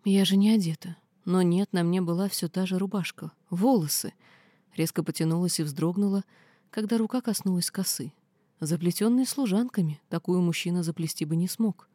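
Ровное чтение книги от первого лица, женский тёмный тембр. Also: female voice, fairly low pitch, normal speed, mellow, no echo. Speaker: audiobook reader. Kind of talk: first-person fantasy audiobook narration.

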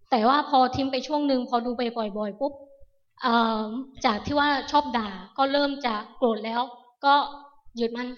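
High-voiced woman in an echoey hall. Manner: halting, repeats words, polite. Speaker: lay meditation student. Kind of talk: personal account to a teacher. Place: temple hall. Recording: dull echoey hall recording.

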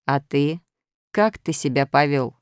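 A woman's voice: low voice, expressive, unhurried, smooth, no echo, studio quality. A woman voicing a stern, commanding male number zero in a storybook.

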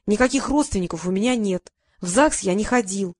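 A woman's voice: mid-range voice, animated, brisk, a little mellow, no echo, close to an everyday voice. A woman reading the lines of a tired, famous male performer in an audiobook. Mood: weary. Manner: tired and dry.

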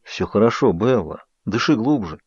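A man voicing a gentle, worried young man in an audiobook, speaking softly and low. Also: very animated, moderate pace, husky, no echo. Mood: soothing. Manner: soft, hushed. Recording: dull, dry studio audio.

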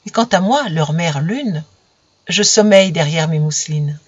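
A woman narrating a children's storybook gently, speaking directly to her young listeners, on a dull lo-fi recording. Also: sits low, moderate pace, breathy edge. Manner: gentle, intimate address to children.

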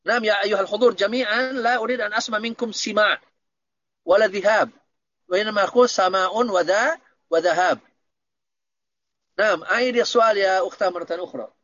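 A man's voice: high voice, quick pace, long pauses, fairly bright tone, no echo, lo-fi sound. A man teaching Arabic grammar in an online lesson, patiently explaining and checking that students understand.

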